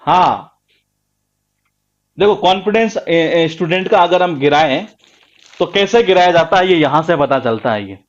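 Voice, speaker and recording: A man's voice: on the high side, lively intonation, moderate pace, pauses often, lo-fi sound. A man teaching a grammar class, emphatic and repetitive, quizzing his students again and again. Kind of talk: live online class lecture.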